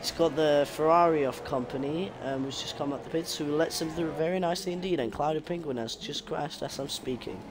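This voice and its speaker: A man's voice: a little high, fairly quick, few pauses, background noise. A young man casually commentating a sim race, chatty and rambling, correcting himself as he goes.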